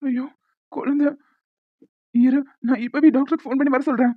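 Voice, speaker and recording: A woman's voice: sits high, steady tone, normal speed, dry recording. Woman voicing a worried cartoon husband, urgent alarmed speech, tinny and dry. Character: panicked young husband, expecting a baby. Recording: tinny phone-like dry recording.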